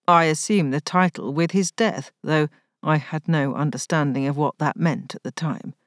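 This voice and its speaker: A woman's voice: no echo, studio quality, natural voice. A woman voicing a wry, sore young viscount. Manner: formal period speech, rising to a strained high pitch.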